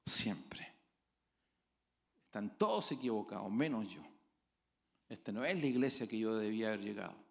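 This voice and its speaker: A man preaching a sermon as pastor, dramatic, with sudden loud exclamations and acted-out voices of his congregation. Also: on the low side, lively intonation, a little fast, creaky. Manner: acts out quoted voices of congregants.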